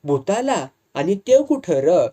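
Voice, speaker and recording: A man doing a calm village elder. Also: high voice, slow, exaggerated voice. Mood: curious. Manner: soothing, questioning.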